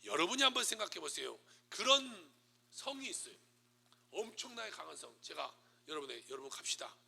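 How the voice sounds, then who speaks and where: A man preaching in a church, his voice pitched somewhat high with a gravelly rasp and an intensely sharp, forceful edge. He swings dramatically between loud exclamations and hushed, breathy whispers. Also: very animated, normal speed. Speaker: pastor. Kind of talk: sermon. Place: church sanctuary.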